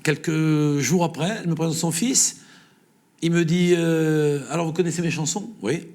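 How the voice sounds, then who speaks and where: Southern french guy, singer, chatty storyteller, voice a bit high. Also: normal speed. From south of France. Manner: lively storyteller, laughs often, acts out dialogue. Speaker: singer guest. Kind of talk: storytelling interview.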